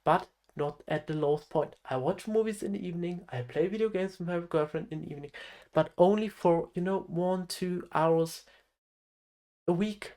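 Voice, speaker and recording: A man's voice: high voice, normal speed, warm tone. A nineteen-year-old man, a health coach, talking straight to camera in an earnest motivational vlog. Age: teens. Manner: earnest, direct advice to the viewer.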